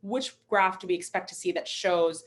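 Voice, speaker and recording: A woman's voice: fairly low pitch, steady tone, normal speed. Upbeat young woman teaching online. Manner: upbeat, encouraging, chatty with fillers. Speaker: MCAT instructor. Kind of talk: live online teaching webinar.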